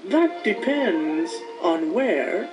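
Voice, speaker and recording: A woman's voice: medium pitch, very animated, extremely slow. A woman playing a teasing, mad cartoon cat with a sing-song, playfully evasive delivery. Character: mischievous, teasing male Cheshire cat, grinning and mad. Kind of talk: cartoon fandub acting. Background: music.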